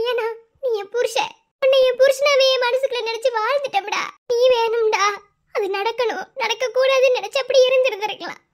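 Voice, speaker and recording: Woman doing a super high-pitched cartoon village girl, madurai tamil accent, tearful and pleading. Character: young village woman in love, heartbroken. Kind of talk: cartoon voice acting.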